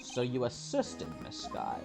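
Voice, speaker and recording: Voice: medium pitch, wildly swooping pitch, measured pace, creaky, music in the background, full character voice. A person voicing an earnest, incredulous young male defence lawyer in a video game.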